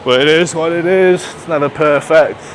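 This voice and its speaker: A man's voice: a little high, moderate pace, slight background noise. A man muttering casually and thinking aloud as he films a gym vlog. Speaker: fitness vlogger. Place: indoor gym.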